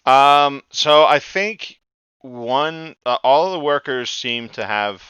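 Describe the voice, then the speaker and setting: Male GM, hesitant, filler-heavy. Bright, very clear voice, dry dull recording. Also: medium pitch, dry recording. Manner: halting, many fillers. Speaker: game master. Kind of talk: running a tabletop game.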